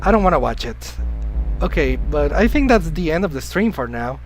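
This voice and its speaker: Streaming a video game, this Spanish-speaking man chats loosely with viewers, greets them, answers chat, and coughs occasionally since he's been ill. His fairly high voice has a sing-song lilt at normal speed, with faint music behind on a rough recording.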